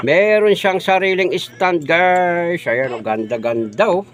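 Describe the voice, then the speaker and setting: A middle-aged man vlogging about his new microphone. He talks slowly and loosely, tossing in the same filler phrases again and again. He runs through sound checks, sometimes from farther off the mic. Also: sits high, soft background music. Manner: chatty and repetitive, says "guys" and "oh, di ba" often. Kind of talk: casual unboxing vlog.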